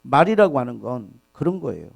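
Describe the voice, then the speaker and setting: Lively, earnest male pastor preaching. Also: medium pitch, fairly quick, vocal fry. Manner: earnest, emphatic preaching addressed to the congregation; repeats key words for emphasis. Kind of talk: Sunday sermon. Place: church Sunday service.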